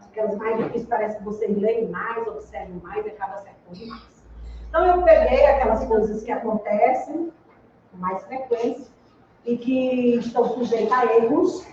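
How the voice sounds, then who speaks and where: A woman with a slightly high, somewhat mellow voice teaches Portuguese in an exam-prep lecture, explaining step by step and checking in with students by asking "né?" and "entendeu?". A faint hiss or hum accompanies the sound, picked up by a distant, dull mic in an echoey room.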